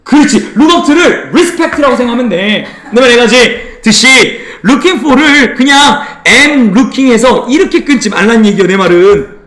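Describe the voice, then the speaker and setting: A man's voice: extremely high pitch, lively intonation, slow pace, fairly bright tone, roomy sound. A man teaching an English lesson in a casual classroom style, playful, keeps checking in with the class and teases students into repeating words. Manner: drills pronunciation, teases students. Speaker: middle school English teacher.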